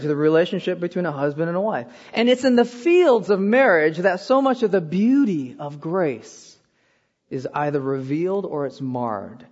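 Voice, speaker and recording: Pastor, man in his 30s, high voice, sermon with animated self-deprecating asides, dull roomy hall sound. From born in Korea, raised in Iowa.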